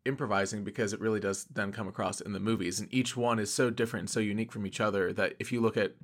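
A man's voice: fairly low pitch, fairly even intonation, fast. A man hosting an interview, mostly giving short encouraging replies. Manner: brief encouraging backchannels. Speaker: interviewer host. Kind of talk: casual interview.

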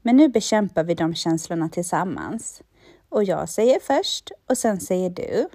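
A woman slowly and calmly leading a listener through spoken affirmations, pausing for them to repeat each line. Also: lowish voice, no echo, studio quality. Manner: slow, calm, repeats lines for the listener. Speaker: affirmation guide.

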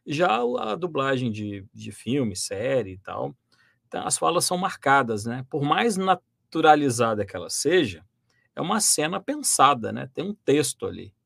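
A man from Brazil, a voice actor and dubbing director, explaining his work in a lively interview, with many restarts and fillers. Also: medium pitch, moderate pace, gravelly, dry recording. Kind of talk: interview conversation.

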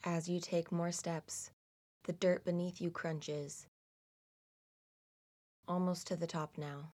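A woman narrating a guided meditation slowly and soothingly, in a hushed delivery with long pauses. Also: lowish voice, level tone.

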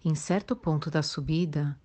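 A Brazilian woman leading a guided meditation in a soothing, gentle way, leaving long pauses. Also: low-pitched. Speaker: guided meditation instructor for children and teenagers.

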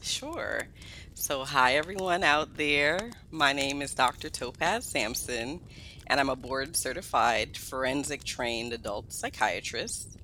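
A woman's voice: rumbling low, slow, a little hiss or hum, low-quality recording. A woman in her thirties from Guyana and Brooklyn, a psychiatrist speaking as a podcast guest in an upbeat, good-humored way. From Guyana, raised in Brooklyn, New York. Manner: upbeat, lively, laughs easily. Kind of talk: podcast interview.

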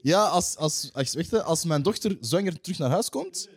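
A young man in a casual football chat, cutting in quickly and dropping French words. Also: fairly high pitch, animated, slightly rough.

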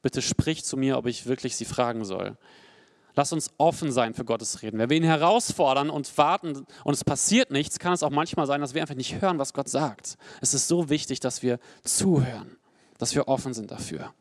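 Earnest young preacher, fairly high voice. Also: male voice, brisk, no room sound. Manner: earnest and personal, swings between emphatic highs and quiet low passages. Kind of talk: sermon.

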